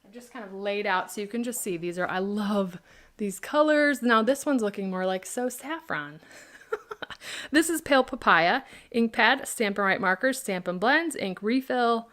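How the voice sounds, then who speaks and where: A woman's voice: mid-range voice, moderate pace, a bit bright. Female craft demonstrator, casual livestream host, chatty and friendly with viewers. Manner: chatty, answers viewer questions by name. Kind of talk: live product demo chat.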